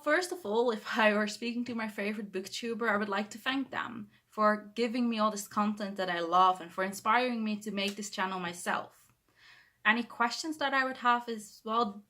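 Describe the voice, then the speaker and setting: A young woman from the Netherlands, a booktuber with a Dutch accent, talks casually to camera in her bedroom. Her mid-range voice is a bit bright, and she's hesitant, correcting herself and laughing shyly.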